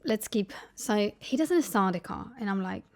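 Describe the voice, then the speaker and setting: Young woman, casual storytelling vlog, animated, pitch jumps on quotes, whispered asides. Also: moderate pace. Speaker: lifestyle vlogger.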